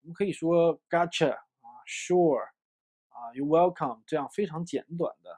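A man from China teaching an English lesson in a lively, explanatory way, dropping in plenty of fillers. His voice sits a little high, with a mellow, warm tone. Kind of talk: online lesson.

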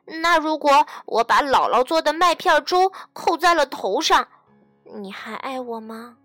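A woman's voice: high-pitched, animated, measured pace, a bit bright, no room sound, faint music behind. A woman voicing an eager, anxious little girl in a bedtime storybook, asking pleading questions in a childlike way.

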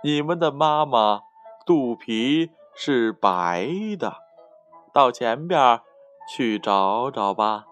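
A man's voice: mid-range voice, slow pace, a bit bright, smooth, faint music behind. A man doing a patient mother turtle. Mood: amused. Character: good-humoured big mother turtle.

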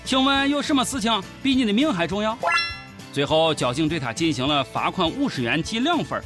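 A man's voice: sits high, very animated, a little fast, music in the background. A man with a Shaanxi accent giving comic news commentary in a mocking, colloquial, sarcastic way. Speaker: host of a satirical news show.

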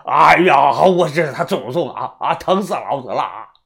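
A man voicing a frail old man who wails and shouts in agony. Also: a little high, animated, moderate pace, vocal fry, husky, heavily acted. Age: older. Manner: wailing, shouting.

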